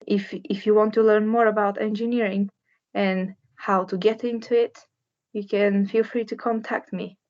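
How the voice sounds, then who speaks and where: A woman's voice: mid-range voice, flat delivery, moderate pace, darkish tone, lo-fi sound. A young woman from Bulgaria, a structural engineer, giving an earnest career talk to students, plain and searching for words at times.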